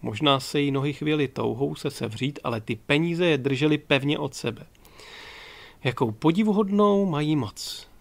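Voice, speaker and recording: A man reading an audiobook in a steady, measured way. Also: on the high side, gravelly. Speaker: audiobook narrator. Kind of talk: audiobook narration.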